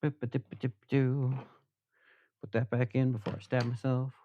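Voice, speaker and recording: A man's voice: medium pitch, flat delivery, quick pace, slight background noise. A man live-streaming from his workbench, chatting casually and jokingly with many fillers while he works. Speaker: livestreamer. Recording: dull, slightly lo-fi stream audio.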